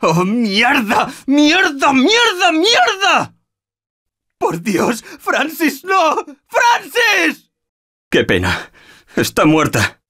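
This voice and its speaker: An anxious everyman fighting through a zombie video game. His Castilian Spanish voice is husky and emotive. He speaks in slangy, unhurried phrases with big swings in pitch. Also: big pitch swings, a bit bright, heavily acted. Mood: panicked, then grieving.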